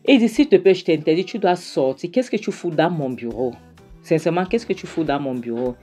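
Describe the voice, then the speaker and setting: A woman's voice: lowish voice, animated, a little fast, warm tone, faint music behind, close to an everyday voice. A woman doing a stern angry male boss. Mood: stern, commanding. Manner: stern, repeating the demands.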